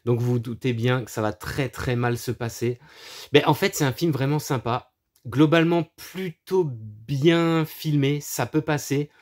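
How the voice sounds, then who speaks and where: A man's voice: mid-range voice, measured pace. A man chatting casually about his film collection, crude and profane, mocking with frequent laughs. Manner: laughs often, animated asides. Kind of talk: casual chat.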